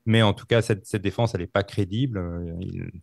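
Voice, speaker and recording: A man telling a true-crime story on a podcast, halting with many fillers and restarts. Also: deep voice, fairly even intonation, creaky, dry recording, studio quality. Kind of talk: casual storytelling.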